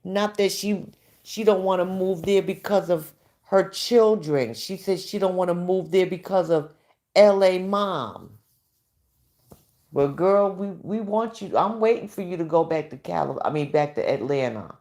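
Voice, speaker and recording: A woman hosting a livestream dishes casual gossip commentary, blunt and profane, and talks back to her viewers. Her voice is fairly low and darkish in tone, and she speaks unhurriedly.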